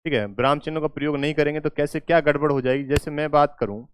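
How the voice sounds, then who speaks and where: A male teacher giving a lecture who repeats phrases slowly and keeps checking that students follow. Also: on the high side, slight background noise. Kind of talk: classroom lecture with examples. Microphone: recording while writing on a board.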